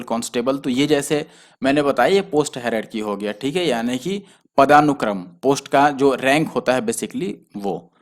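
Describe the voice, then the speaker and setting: A man teaching a spelling lesson for exam students, who explains patiently and spells words out letter by letter. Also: mid-range voice. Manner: explains patiently, spells letters out slowly, often adds "theek hai". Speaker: exam prep tutor.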